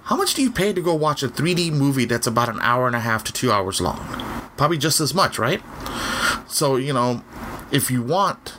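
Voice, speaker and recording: A man's voice: medium pitch, fairly bright tone, slight background noise. A man co-hosting a game review podcast in casual chat, rambling along with many fillers and repeated "again". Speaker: podcast co-host.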